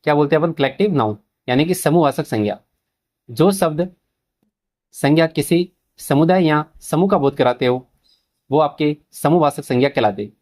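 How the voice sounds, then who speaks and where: Man, a touch high-pitched, teaching exam prep, keeps asking questions and answering them himself. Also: moderate pace, a little mellow. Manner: asks questions and answers them himself, repeats key terms; addresses students as children, mixes English terms into Hindi. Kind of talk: exam-prep grammar lesson.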